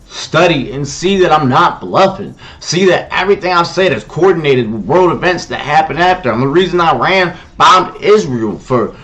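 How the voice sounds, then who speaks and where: A man's voice: on the high side, animated, normal speed, few pauses. A man hosting a solo livestream, talking in an impassioned, preachy way and often repeating "okay?" to make his point. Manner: shouts at someone off-mic. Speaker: livestream host.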